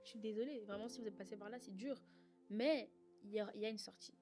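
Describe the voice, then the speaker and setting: A woman's voice: medium pitch, fast talker, over music. A woman co-hosting a casual faith conversation, talking earnestly and growing fervent about prayer. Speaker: podcast co-host.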